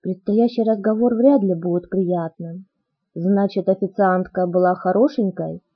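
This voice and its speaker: A woman voicing a brooding, soft-spoken teenage boy in an audiobook, speaking in hushed, measured tones. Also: medium pitch, fairly even intonation, husky, lo-fi sound.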